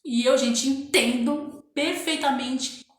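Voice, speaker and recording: A woman's voice: high-pitched, slow pace. A woman telling her birth story casually and emotionally to viewers, repeating phrases and often calling out to them. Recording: very echoey room.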